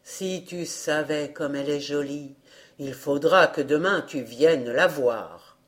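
A woman voicing a grieving father who is a retired sea captain in a fairy tale, speaking with gentle, fond exclamations. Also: low-pitched, takes it slowly, voice pushed down.

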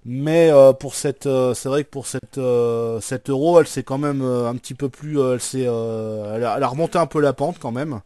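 A man hosting a casual football podcast, recapping in a hesitant, halting way with lots of conversational tags. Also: mid-range voice, mellow, no echo. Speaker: podcast host. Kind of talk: casual chat recapping retro football matches.

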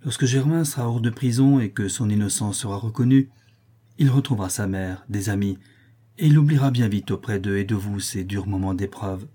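A man reading an audiobook voices a composed, generous gentleman who speaks in a calm, reassuring way. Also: on the low side, brisk, slightly rough.

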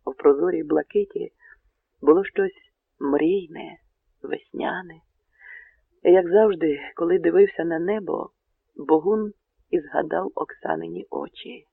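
A man narrating a historical novel in a steady, measured storytelling voice. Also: on the high side, gravelly, husky, no echo. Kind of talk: audiobook narration. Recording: narrow phone-like radio sound.

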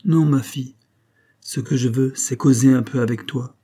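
A man's voice: medium pitch, moderate pace, dark tone, close to an everyday voice. A man reading an audiobook voices a dying old female servant who solemnly reproaches the young woman she raised. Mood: grave.

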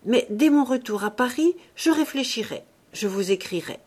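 A woman reading the part of an awkward, evasive gentleman father in an audiobook. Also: a little high, lively intonation, normal speed, breathy edge, pitched above the performer's own voice.

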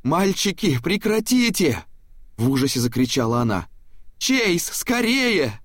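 A man voicing a kind elderly grandmother in an audiobook, speaking in a soft, pleading, worried way. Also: mid-range voice, lively intonation, normal speed, husky, dry recording, clean studio sound. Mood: alarmed. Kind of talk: audiobook character voice.

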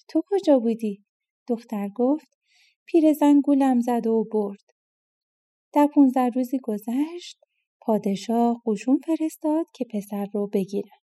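A woman reads an old folk tale aloud in storybook style. Her voice sits a little high but sounds very dark and mellow. She lifts her pitch for the characters' lines. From Iran. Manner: reads all parts herself, lifting her voice for quoted characters. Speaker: audiobook narrator. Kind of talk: storybook narration of folk tales.

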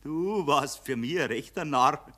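A gloating male spirit of money taunts his victim in a Bavarian radio play. His pitch leaps and plunges as he jeers, slow and deliberate, with a bright, cutting edge. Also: animated, heavily acted. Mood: mocking. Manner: taunting, swings from loud jeers to low sneers.

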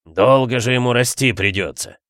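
A man voicing a rude, bad-tempered husband who talks gruffly and barks his words. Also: medium pitch, normal speed, a bit bright, no echo, clean studio sound, pitched above the performer's own voice, close to an everyday voice. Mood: mocking. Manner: gruff, barking.

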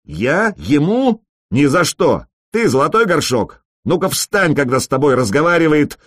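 A man voicing a drunk, loud, jeering brawler. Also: fairly high pitch, big pitch swings, normal speed, no echo, studio quality, voice pushed up. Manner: yelling, crude, taunting. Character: drunk brash male warrior, loud insulting bully.

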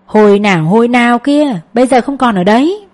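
A woman's voice: on the high side, animated, a little fast, darkish tone, natural voice. A woman doing a scornful village gossip. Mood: gossipy. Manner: chatty, knowing, scornful.

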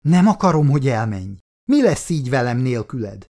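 A shattered, furious ex-soldier, as the male narrator puts him on, his voice lifted high and loud above the narration. He pleads in anguish and barks battle cries, strained and raw. Audiobook acting. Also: very animated. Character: grief-stricken ex-soldier man, desperate and furious.

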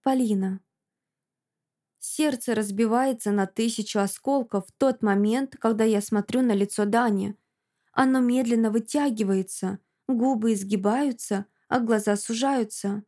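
Woman audiobook narrator, first-person, expressive, slightly high voice. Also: a little slow.

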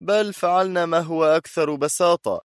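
A cold, commanding spymaster, voiced by a male audiobook narrator, talks in short, steely sentences. The voice sits higher and louder than the narrator's own, in a dry, close sound. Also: a little fast, no echo, lightly acted. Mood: firm. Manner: firm, curt, steely. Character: stern, cold, commanding male intelligence chief. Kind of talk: audiobook character voice.

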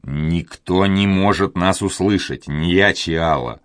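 A man's voice: slow, fairly bright tone, dry recording, studio quality. A man voicing an impatient young caballero. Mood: urgent courteous. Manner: urgent, courteous, deep-voiced. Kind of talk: audiobook character reading.

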